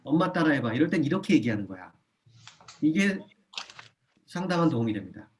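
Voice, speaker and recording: Speaking a little fast in a somewhat high voice, a man lectures a parenting class in a church hall. He's animated, repeats the key ideas, checks the audience is with him and often softly acts out what a parent would say.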